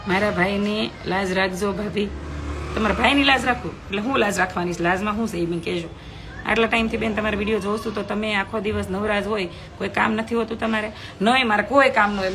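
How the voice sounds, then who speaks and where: A woman's voice: medium pitch, background noise. Outspoken woman streaming live. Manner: outspoken, emphatic, reads out comments. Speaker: live video host. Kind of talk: live stream talk to viewers. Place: home.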